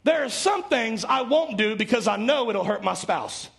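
A male pastor preaching a fervent sermon that swings between shouted peaks and hushed low passages. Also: lively intonation, normal speed, gravelly.

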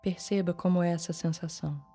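A Brazilian woman leading a guided meditation in a calm, soothing manner, leaving long pauses between short phrases. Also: on the low side. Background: soft music.

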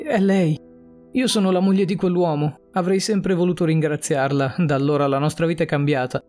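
An old woman, scared and pleading, her voice pitched a little high, as a male storyteller reads her lines. She asks anxious questions, and faint music plays behind her. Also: a little mellow, lightly acted. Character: elderly woman trapped in a coffin, frightened.

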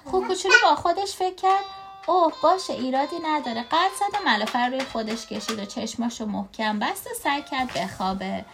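A woman from Iran in her thirties reading a children's storybook aloud to her child, with expressive asides, music playing behind. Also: high-pitched, hardly any pauses. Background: clear music.

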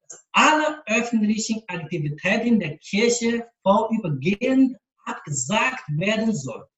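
A man with a Chinese accent reads a letter aloud, carefully and haltingly. He speaks very slowly, pausing between phrases, his voice set back from the microphone. The room around him rings with a noticeable echo. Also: high-pitched, fairly bright tone. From China. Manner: slow, careful, halting reading with pauses. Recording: roomy echo, distant mic.

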